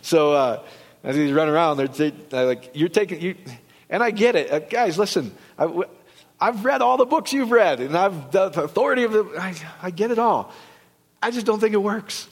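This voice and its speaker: A man gives a loose, chatty sermon, often restarting his sentences and slipping into quoted asides. His voice sits a touch high for a man. The sound trails off into the long reverb of a church hall. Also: expressive, normal speed. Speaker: pastor. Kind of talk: conversational sermon.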